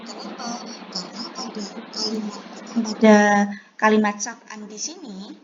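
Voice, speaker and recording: A woman teacher giving a recorded tajwid lesson, explaining step by step and reciting verses slowly. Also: mid-range voice. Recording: dull lo-fi recording with background noise.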